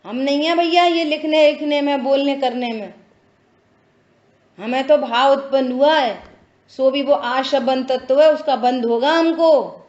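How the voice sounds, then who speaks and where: A woman's voice: high voice, measured pace, darkish tone. A woman giving a religious discourse who explains patiently, repeats her phrases, and asks whether listeners follow. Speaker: spiritual teacher. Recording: echoey dull lo-fi room.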